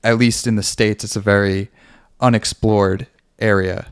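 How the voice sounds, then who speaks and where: Casting: male interviewer, low smooth voice, dry close sound. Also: flat delivery, unhurried, no echo. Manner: prompting questions, short affirmations. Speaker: podcast host. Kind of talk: casual interview.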